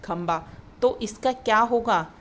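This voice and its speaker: A woman's voice: on the high side, measured pace, a little hiss or hum, lightly acted. A woman reading the part of a worried talking lamp post from a children's play. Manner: read aloud plainly from the play.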